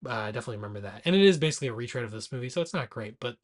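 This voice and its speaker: Slightly tipsy from a couple of beers, a man co-hosting a movie podcast talks in a loose, rowdy, irreverent way. His voice is mid-range, with lively intonation and a racing pace.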